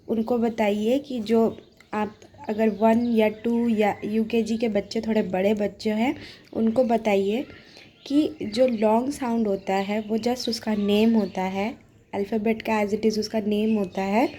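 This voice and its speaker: A woman giving a patient, casual phonics lesson for parents, sounding out words slowly. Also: fairly high pitch, dark tone, slight background noise. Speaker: phonics teacher. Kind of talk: casual home teaching lesson.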